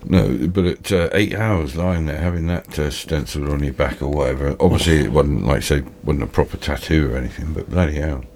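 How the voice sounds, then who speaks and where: A British man with toothless, slightly slurred speech, hosting a casual film chat in a halting, repetitive, rambling way. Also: very deep voice, darkish tone. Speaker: film discussion host.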